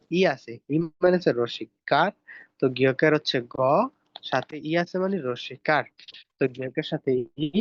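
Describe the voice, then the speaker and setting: Guy teaching a lesson, slightly high voice, repeats everything slow and patient, dull dry lo-fi sound. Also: no room sound. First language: Bengali. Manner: patient, repetitive drilling. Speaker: Korean language teacher. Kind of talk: slide-based language lesson.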